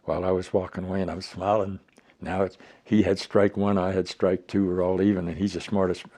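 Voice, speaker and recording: A man's voice: low voice, flat delivery, fairly quick, dark tone. An elderly American man, a veteran remembering his service in a plain-spoken way, telling anecdotes and acting out the dialogue. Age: older, elderly. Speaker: war veteran being interviewed.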